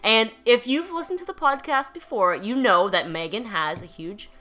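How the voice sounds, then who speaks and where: A woman's voice: medium pitch, expressive, moderate pace, sharp tone. A woman co-hosting a horror podcast, recounting a story in casual, profane chat. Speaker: podcast co-host.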